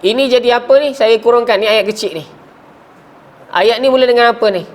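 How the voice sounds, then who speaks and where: A man's voice: very high-pitched, fairly quick. A man with a Malaysian Malay accent teaching Arabic grammar in a classroom, often asking the class questions and sometimes breaking off mid-word. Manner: asks the class frequent questions, coughs and trails off mid-word. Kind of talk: classroom lesson.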